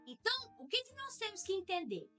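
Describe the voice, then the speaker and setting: A woman's voice: very high-pitched, very animated, a little fast, sharp tone, soft background music. A young adult woman from Goiás with a Central-West Brazilian accent, teaching an online class and explaining patiently step by step. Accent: Central-West Brazilian Portuguese.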